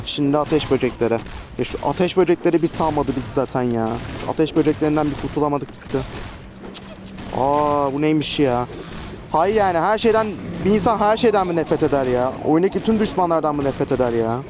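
A man giving casual, chatty gameplay commentary as a gaming host, often exasperated and cursing at enemies. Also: a little high. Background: traffic noise.

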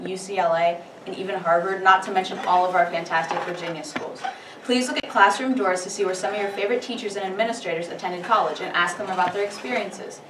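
Teen girl reading school announcements. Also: on the low side. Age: teens. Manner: reading announcements with small slips and restarts. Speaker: student news anchor. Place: school studio room. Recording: echoey room, distant mic, faint hiss.

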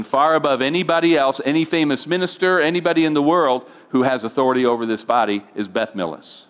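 A man's voice: mid-range voice, fairly bright tone. A middle-aged man, a pastor, telling a personal testimony in a sermon, his voice climbing when he gets emotional. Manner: emotional storytelling, voice rising when moved.

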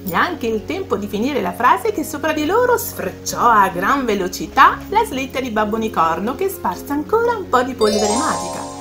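A woman's voice: a little high, very animated, normal speed, few pauses, music in the background. A woman narrating a children's bedtime story, speaking directly to the young listeners.

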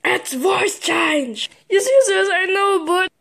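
A woman's voice: extremely high pitch, big pitch swings, takes it slowly, vocal fry, exaggerated voice. A woman voicing a hot-tempered male villain boss in a fan-made toy animation. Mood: exasperated. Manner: yelling, furious outbursts. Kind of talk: fan stop-motion voice acting.

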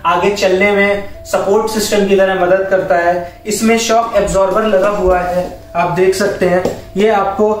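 Here a high-register young adult Indian vlogger gives an instructive product showcase of camping and hiking gear, chatting to viewers like friends in mixed Hindi and English. The bare, wooden-floored home room and a camera or phone mic placed a few metres away give the audio a distant, echoey quality.

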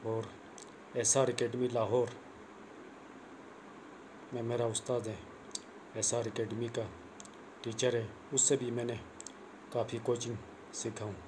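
In a small room, a young man clips on a lapel mic, sets a phone camera close, and delivers a casual bowling tutorial as a cricket coach vlogger. His instruction is plain, repetitive and earnest, his mid-range voice flat, his pace slow with long pauses. Background noise can be heard.

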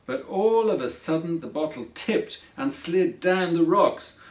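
Man slowly reading a children's story. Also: fairly high pitch. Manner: slow, expressive read-aloud. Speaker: author reading his own story. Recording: roomy echo from a distance.

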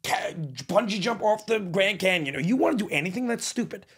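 A man's voice: high voice, expressive, fairly quick, fairly bright tone, husky. A man co-hosting a casual podcast, giving a blunt opinionated rant with some hesitation fillers. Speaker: podcast co-host.

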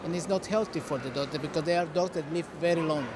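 Fast and fairly high-pitched, a middle-aged man with a Costa Rican accent, who speaks Spanish natively and comes from Costa Rica, gives casual interview answers as a dog breeder. Background noise from a large, crowded indoor dog show hall echoes throughout.

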